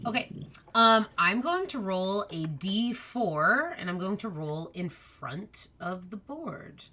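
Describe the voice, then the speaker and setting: A woman's voice: medium pitch, sing-song, slow pace, bright, forceful tone, slight background noise. A woman speaking as game master, casually narrating a tabletop role-playing game and calling for rolls.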